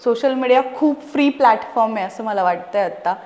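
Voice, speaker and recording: A woman's voice: a little high, lively intonation, a little fast, a little mellow, roomy sound. A woman in her thirties, a podcast guest who speaks earnestly and persuasively, arguing her points through everyday examples in casual conversation. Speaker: podcast guest, parenting expert.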